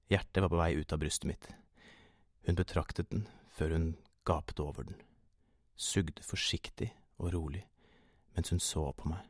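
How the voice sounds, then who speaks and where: A man with a deep, low voice narrating a first-person erotic story. He tells it in a calm, measured way. The recording is dry and close, with no room sound. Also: no echo.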